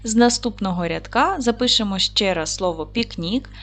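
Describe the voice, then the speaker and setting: A woman teaching a recorded lesson to young schoolchildren. She speaks slowly and carefully, asks questions, pauses, and then answers them herself. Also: mid-range voice, a bit bright. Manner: slow, careful, clearly spelled-out speech. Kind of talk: video lesson for young children.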